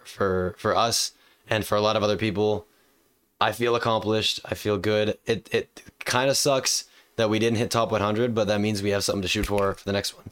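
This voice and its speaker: A young man with a cold hosts a casual gaming podcast streamed live. His voice sits low and stays clear and resonant despite the illness. He rambles through his points, circling back with fillers and restarts. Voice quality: deep voice. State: sick with a cold. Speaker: podcast host.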